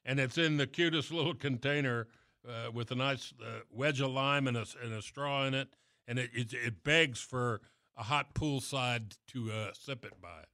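Male talk radio host, casual interview, bright voice, halting delivery, dry close sound. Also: mid-range voice, no echo.

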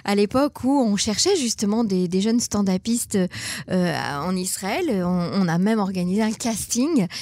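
A woman's voice: mid-range voice, normal speed, darkish tone, no echo. A woman interviewing a comedian on the radio, asking teasing questions and laughing easily. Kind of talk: casual interview chat.

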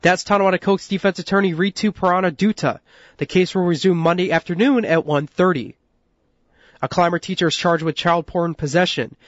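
A man's voice: sits high, fairly even intonation, fairly quick, no echo. An American man reading scripted news as a radio newsroom reporter. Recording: dull, band-limited radio audio.

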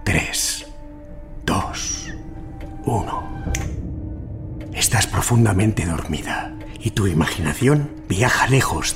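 A man playing an earnest, commanding physician and hypnotist in a period audio drama. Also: sits low. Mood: hypnotic, hushed.

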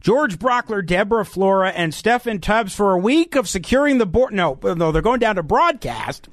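An American man with a slightly high voice delivers an opinionated talk radio monologue. He is emphatic but halting, breaking off to correct himself. The sound is dry and close, as from a studio microphone. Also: expressive, no room sound. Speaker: radio talk show host.

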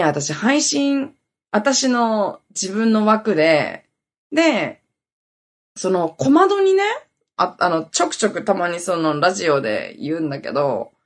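A woman hosts a podcast and tells a rambling, anecdotal story in casual chat. Her voice has a husky, breathy edge. Her pitch swings widely as she goes, and she scatters fillers throughout. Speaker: podcast host.

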